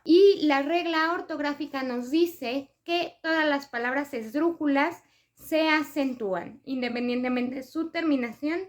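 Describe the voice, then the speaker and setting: High-voiced woman teaching a spelling lesson. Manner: explains step by step with examples and frequent fillers. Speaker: writing tips presenter.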